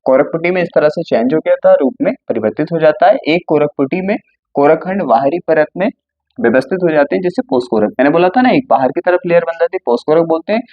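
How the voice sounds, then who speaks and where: A man's voice: on the high side, expressive, quick pace, no echo, highs cut off. A male teacher going through a textbook line by line, often asking a question and answering it himself.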